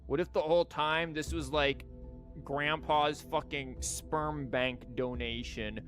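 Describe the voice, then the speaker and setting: Faint game music sits behind this young streamer as he plays a story game live, cursing and mocking the characters sarcastically. His voice is fairly high and a bit bright, with fairly even intonation and a slow delivery.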